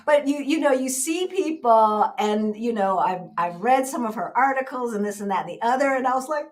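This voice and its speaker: A woman's voice: fairly high pitch, expressive, moderate pace. A woman with an American accent hosting a casual live chat in a folksy, chatty way, often repeating her phrases. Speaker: host.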